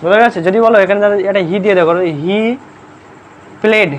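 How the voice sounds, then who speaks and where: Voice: medium pitch, steady tone, rapid-fire. A grammar teacher giving a live classroom lesson, constantly quizzing pupils, checking they understand and spelling words out letter by letter. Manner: sternly scolds noisy pupils.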